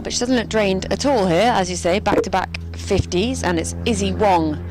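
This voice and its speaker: A woman's voice: medium pitch, moderate pace, over music. A woman co-commentating on a cricket match from a commentary box, giving chatty analysis of the players with light jokes. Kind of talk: sports colour commentary. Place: commentary box at a quiet ground.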